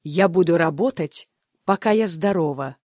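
A woman repeating example sentences calmly and carefully for a language course. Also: lowish voice, normal speed, no room sound, clean studio sound. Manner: calm, careful enunciation. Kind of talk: scripted phrase reading.

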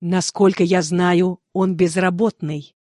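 A woman repeating example sentences calmly and carefully for a language course. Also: fairly low pitch, takes it slowly, no echo, clean studio sound. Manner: calm, careful enunciation. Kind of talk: scripted phrase reading.

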